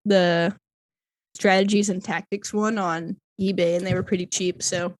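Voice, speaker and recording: A woman's voice: lowish voice, level tone, a little slow. A woman co-hosting a podcast in casual chat, rambling and laughing often. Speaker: podcast co-host.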